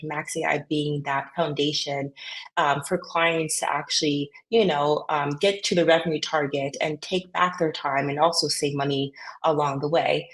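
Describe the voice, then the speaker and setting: Young woman from canada, podcast guest, low voice, lots of ums. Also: rough recording. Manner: earnest, with frequent fillers. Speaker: podcast guest, business co-founder. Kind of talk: casual interview chat.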